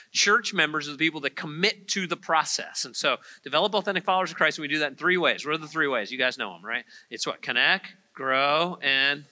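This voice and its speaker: A male pastor delivers a sermon in a church sanctuary, talking to the congregation in a casual, animated way. His voice sits high and sounds very bright and forward. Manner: animated, conversational preaching with asides to the congregation.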